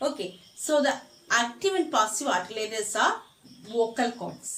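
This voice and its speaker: A woman with a Malayali accent giving a phonetics lecture. She mixes English and Malayalam, repeats key terms, and often pauses on "uh" and "okay.". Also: a little high, very animated, sharp tone, reverberant, poor audio. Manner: switches between English and Malayalam mid-sentence, repeats key terms slowly; frequent "uh" and "okay" fillers, self-corrections. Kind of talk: recorded lecture.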